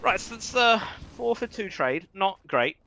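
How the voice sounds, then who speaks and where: A man commentates a live esports game with a bright, fairly high voice. He is chatty and wry, jumping quickly on each play. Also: very animated, gravelly. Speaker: esports caster.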